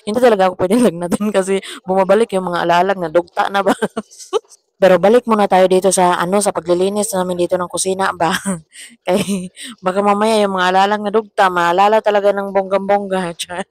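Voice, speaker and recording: Hoarse young Filipino woman vlogger, quick and chatty, dry close sound. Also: mid-range voice, a little mellow, no room sound. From Philippines. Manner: chatty, laughs often, says "char" as a tag. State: hoarse after a fever. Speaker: vlogger, domestic worker abroad. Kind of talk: casual voice-over chat.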